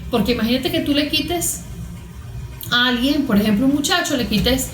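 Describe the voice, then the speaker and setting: In a high voice at moderate speed, this Venezuelan woman explains things as a visiting cognitive therapist in a conversational interview, often playing out little imagined examples. The audio is roomy and echoey.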